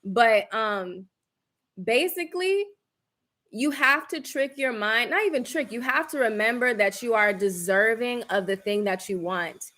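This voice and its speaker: A woman's voice: on the high side, animated, a little slow, pushed and bright. A woman speaking casually and emphatically to viewers like a self-help coach, encouraging them and repeating phrases for emphasis. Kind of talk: casual motivational talk to viewers. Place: room at home.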